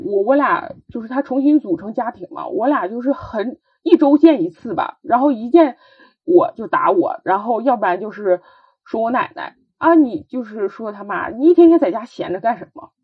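A young woman with a husky, breathy, medium-pitched voice shares her personal story as a podcast guest. She speaks earnestly and haltingly, often restarting sentences, and the recording sounds dull and lo-fi.

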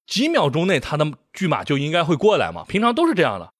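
A male podcast host retelling a myth in a playful, animated casual way. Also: fairly high pitch, fast talker, no room sound, studio quality. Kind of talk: casual storytelling of myths.

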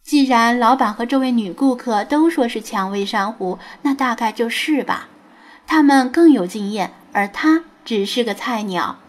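A woman narrating a web novel audiobook in an even, storytelling manner. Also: a little high, moderate pace.

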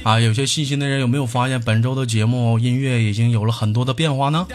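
Joking host with a Northeastern accent. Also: male voice, medium pitch, fairly even intonation, fast. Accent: Northeastern Mandarin. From Northeast China. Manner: jokey, teasing asides. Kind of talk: comedic joke podcast. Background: music.

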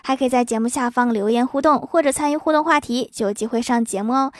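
A woman's voice: on the high side, fast talker, no room sound, studio quality. A woman hosting a comedy podcast, reading out jokes and chuckling at her own punchlines. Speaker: host.

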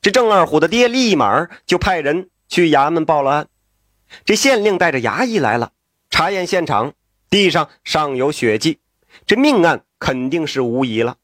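A man telling a story in a traditional storytelling style, lively with folksy asides and exclamations. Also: a little high, normal speed, no echo, clean studio sound.

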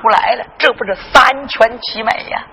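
A storyteller voicing a crafty, tearful seventy-year-old grandfather who was once a martial hero, wailing and shouting in a zhuizi dialogue. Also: medium pitch, normal speed, breathy edge. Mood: wheedling. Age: older. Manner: wailing, theatrical sobbing and shouting. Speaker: storytelling performer.

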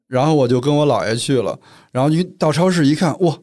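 A man's voice: on the high side, expressive, fast, a little mellow. Man, from northern China, podcast co-host, casual storytelling chat. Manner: storytelling, explains at length.

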